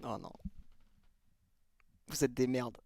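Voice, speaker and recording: A man's voice: medium pitch, slow pace, a crowd in the background. A man streaming live in casual chat, playful with swinging intonation.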